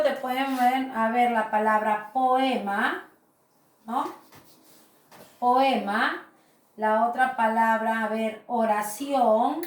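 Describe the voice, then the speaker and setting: Slow, patient woman teacher in an echoey room. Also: a little high, distant mic. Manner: slow, patient explaining with frequent "¿verdad?" tags. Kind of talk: recorded grammar lesson.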